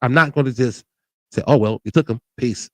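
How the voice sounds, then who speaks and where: Speaking fairly quickly in a medium-pitched, slightly bright voice, a show host in his forties talks openly and earnestly about his own life. He often begins again and throws in "you know what I mean." The recording is dry.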